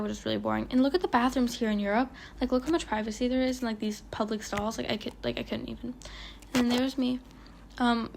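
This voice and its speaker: A bright, fairly high, creaky voice comes from a chatty woman who sounds young, with slight background noise. She's a vlogger rambling through a travel voiceover recorded off location, packed with "like" and plenty of stutters and stumbles.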